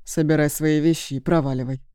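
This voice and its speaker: Lady doing an angry young guy yelling at his friend, low dark voice, harsh, dry sound. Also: fairly even intonation, a little fast, clean tone, no room sound, natural voice. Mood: furious. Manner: shouting, harsh, accusing. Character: furious betrayed young man, hot-tempered friend.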